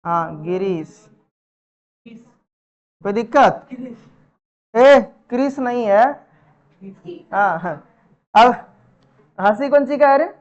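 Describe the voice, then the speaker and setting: A woman teaching Sanskrit grammar in a classroom, firing repeated questions at her pupils and gently scolding them. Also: fairly high pitch, expressive, takes it slowly, pauses often, dull audio. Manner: drills students with repeated questions and answers; chiding, familiar address to pupils. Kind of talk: live classroom teaching in Hindi. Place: classroom with students.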